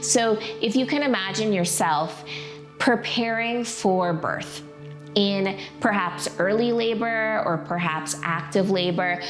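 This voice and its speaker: A woman with a medium-pitched voice leads a prenatal yoga class over music. She instructs casually, with an encouraging, playful and informal way of talking.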